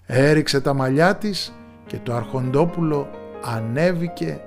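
A man narrating a fairy tale in a measured storyteller's manner, dropping low and soft in the quiet moments. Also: soft background music.

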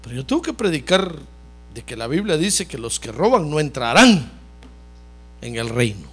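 A man's voice: a little high, normal speed, husky. A man preaching a sermon as pastor, talking straight to his listeners and often calling them brother. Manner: animated preaching that repeatedly addresses listeners as brother.

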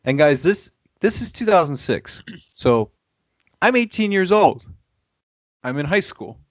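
A man's voice: a little high, big pitch swings, a little slow, no room sound. Give me a playful male podcast host on a muffled video call. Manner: playful, teasing. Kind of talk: casual chat.

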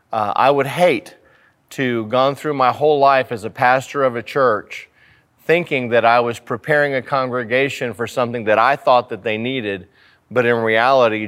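A male pastor with a medium-pitched voice delivers a teaching sermon in a church sanctuary. He works through scripture, repeating key phrases for emphasis and posing rhetorical questions to make his points. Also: fairly bright tone. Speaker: pastor preaching.

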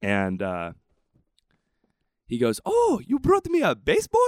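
A man's voice: very high-pitched, no echo. A man, a podcast guest telling candid, self-deprecating stories. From Southern California. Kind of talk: casual interview.

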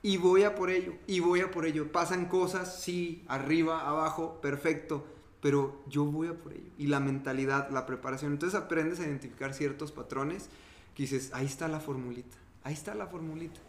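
Give me an animated Mexican man with a fairly high voice, recorded in an echoey room. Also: brisk. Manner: animated, acts out other people's reactions. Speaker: podcast co-host. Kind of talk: casual podcast chat.

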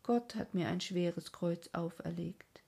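A whispered role-play of a grieving old mother, as a woman reads her, pleading and lamenting in a husky breath. Her whisper is gravelly and low. She speaks slowly. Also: warm tone, heavily acted. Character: worried old mother of a madman.

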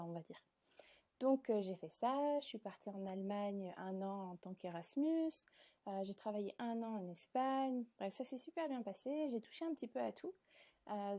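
A woman's voice: on the high side, warm tone. A woman in her twenties from southern France, answering interview questions in a chatty way with frequent hesitations. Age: 20s. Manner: chatty, many filler hesitations. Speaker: guest, content creator.

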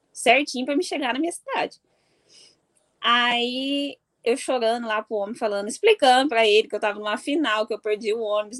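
Animated woman telling a story. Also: a little high. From Mato Grosso do Sul, Brazil. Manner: animated, laughs often while telling. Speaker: football fan. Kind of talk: casual personal storytelling.

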